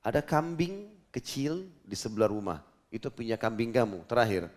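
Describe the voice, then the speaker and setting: A man's voice: mid-range voice, expressive, moderate pace, a little mellow, lightly acted. A male preacher voicing a thrifty young wife, retold in a sermon story, insistent and scolding. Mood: practical. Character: Jabir's young wife, thrifty and worried, woman.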